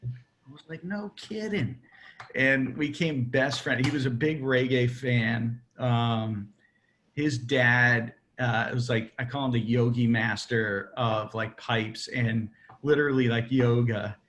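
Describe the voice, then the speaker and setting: A man's voice: mid-range voice, fairly even intonation, unhurried, a bit bright, slight background noise. A man guesting on an interview, telling long rambling stories with plenty of fillers in a casual chat. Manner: rambling storyteller, many fillers. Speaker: cigar maker, interview guest.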